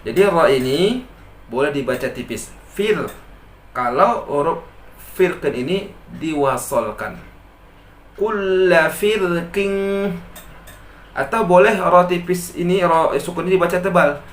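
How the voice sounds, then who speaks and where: A man with an Indonesian accent teaching Quran recitation rules, patiently repeating each example slowly and contrasting wrong and right readings. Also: fairly high pitch, expressive. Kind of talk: tajweed lesson with recited examples. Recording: echoey room with faint noise.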